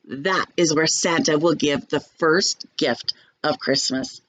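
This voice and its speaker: Brief: storybook train conductor read by a woman, guide to children, measured announcements. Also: low-pitched, fairly bright tone, a little hiss or hum, pitched below the performer's own voice. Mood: solemn announcing.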